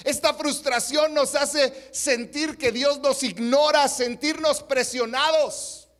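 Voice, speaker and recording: A man with a Mexican Spanish accent preaching a sermon in an earnest way, swinging from soft to emphatic. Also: very high voice, fairly even intonation, takes it slowly. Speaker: pastor.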